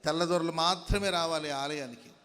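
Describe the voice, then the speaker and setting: A male pastor from India preaching a sermon, moving between calm storytelling and loud, rising exhortation. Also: a little high, fairly quick. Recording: long hall reverb.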